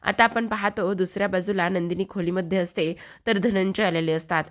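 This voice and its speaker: A woman narrating a retelling of a TV serial episode in a steady storytelling manner. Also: medium pitch, brisk.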